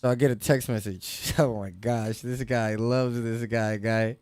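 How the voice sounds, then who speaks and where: A man co-hosting a casual chat show, excitable and quick with interjections and shout-outs. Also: medium pitch, smooth, no room sound. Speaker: co-host.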